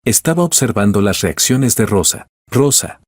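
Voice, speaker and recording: A man with a low, somewhat husky voice reads a romance tale in the first person, steady and measured. The sound is close and dry, with no room around it. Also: no room sound. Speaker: narrator. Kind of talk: first-person scripted story narration.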